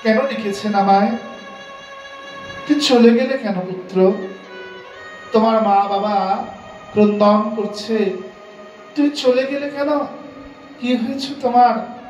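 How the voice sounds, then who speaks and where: A man's voice: high voice, slow pace, long pauses, a little mellow. A male preacher voicing a young son brought back to life who speaks in a detached, questioning way, in a sermon. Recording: roomy, distant, dull with music.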